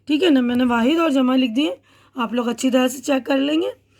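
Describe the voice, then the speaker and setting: High-voiced woman teacher explaining patiently. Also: darkish tone. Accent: Indian Urdu. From India. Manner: patient, repeats and corrects herself. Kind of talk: explaining a school lesson to children.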